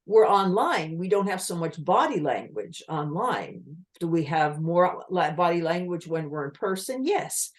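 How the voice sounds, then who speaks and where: This woman, whose first language is English, uses slides for a lively online talk about communication, throwing rhetorical questions at listeners on a video call. She speaks in a fairly low voice, unhurried and with few pauses.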